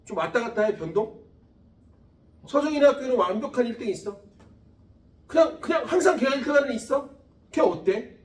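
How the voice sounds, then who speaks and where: A man's voice: very high voice, brisk, pauses often, far from the mic. A man in his thirties teaching a physics class, joking, swearing casually, and chatting with his students. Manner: profane, joking, animated. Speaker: physics tutor. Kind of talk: classroom lecture. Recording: echoey classroom, off-mic.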